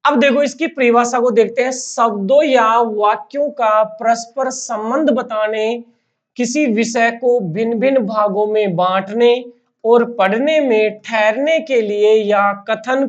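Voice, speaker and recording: A man teaching a Hindi grammar lesson, explaining slowly and asking questions that he then answers himself. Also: sits high. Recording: dull lo-fi recording.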